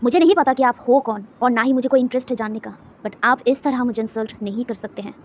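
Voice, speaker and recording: A woman's voice: fairly high pitch, fast talker, a little hiss or hum, natural voice. A woman voicing a proud young man who firmly stands up for himself, in a storybook reading. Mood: indignant. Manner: indignant, firm speech. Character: proud young man, hurt but defiant.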